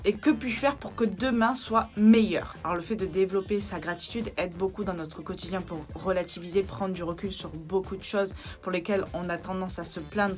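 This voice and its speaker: Chatty French-speaking woman coach. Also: medium pitch. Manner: chatty, addresses viewer directly with asides. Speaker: wellness coach. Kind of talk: casual advice vlog.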